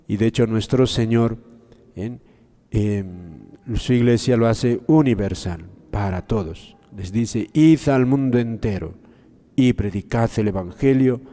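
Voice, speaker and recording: Slow, mellow-voiced man giving a sermon. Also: medium pitch, big-room sound. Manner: slow, reflective, with many pauses and fillers; addresses listeners directly. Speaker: priest commenting on the Gospel. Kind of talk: sermon-style Gospel commentary.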